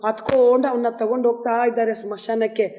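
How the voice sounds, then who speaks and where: A woman's voice: on the high side, flat delivery, brisk, warm tone. A woman pastor preaching a devotional sermon and leading prayer in an earnest, repetitive way. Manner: earnest, repetitive address to listeners.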